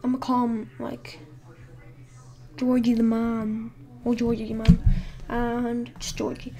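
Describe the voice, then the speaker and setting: A woman's voice: fairly high pitch, monotone, slow, dark tone. Young woman vlogger, casual rambling storyteller, swears freely, slips into whispers at home. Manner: rambling and profane, with many fillers. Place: home room with someone asleep nearby.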